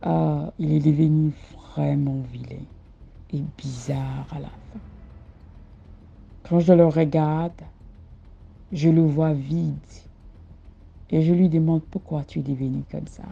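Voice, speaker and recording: A woman's voice: low-pitched, fairly even intonation, slow pace, creaky, pauses often, mellow, breathy edge. A woman telling her own story in the first person, emphatic and fond of repeating herself for effect, on a dull lo-fi recording. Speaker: caller sharing a personal story.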